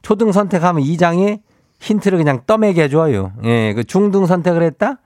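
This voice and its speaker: A man's voice: sits high, lively intonation, brisk, darkish tone, no room sound, studio quality, voice pushed up. A man voicing a folksy, rambling rural village headman with a Chungcheong accent, making announcements in a comic radio bit. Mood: folksy, chatty. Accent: Chungcheong Korean. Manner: rustic, rambling, repeats himself.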